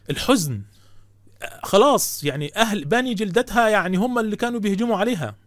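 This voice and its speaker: A host taking calls, this Egyptian man speaks Egyptian Arabic-accented commentary in a high voice at a rapid pace. Indignant and religious in tone, he scolds listeners with rhetorical questions. The sound is dry and close, with no room sound.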